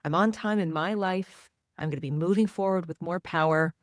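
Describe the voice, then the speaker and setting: A woman's voice: lowish voice, moderate pace, no echo, studio quality. A woman in her forties, a journalist and author, answering interview questions in a reflective, earnest way. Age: 40s.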